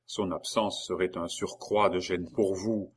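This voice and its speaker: A man's voice: low voice, fairly even intonation, unhurried, a little hiss or hum. A man doing a jealous, ardent young lover. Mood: reproachful. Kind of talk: audiobook character voice.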